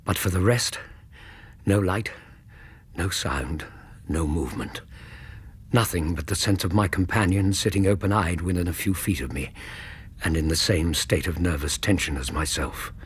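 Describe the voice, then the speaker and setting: An actor portrays an earnest Victorian British gentleman, a loyal companion narrating a radio drama. His husky, low-pitched voice moves in a measured, suspenseful, literary way, and the mood is tense and suspenseful.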